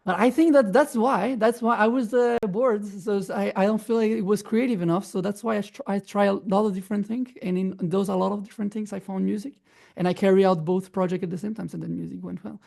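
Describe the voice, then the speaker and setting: A man's voice: high-pitched, steady tone, fast talker, creaky, darkish tone. A young man from Belgium, a musician guest, talking casually in with many fillers and restarts. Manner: hesitant, many restarts and fillers, non-native phrasing. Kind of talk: casual interview chat.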